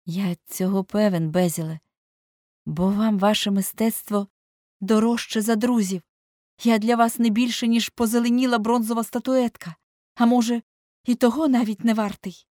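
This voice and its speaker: A woman's voice: medium pitch, steady tone, measured pace, a little mellow, no room sound, clean studio sound, pitched above the performer's own voice, lightly acted. A woman reading aloud voices a vain, anguished young man who dreads growing old, in impassioned, pleading speech. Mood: bitter. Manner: impassioned, rising to pleading outbursts.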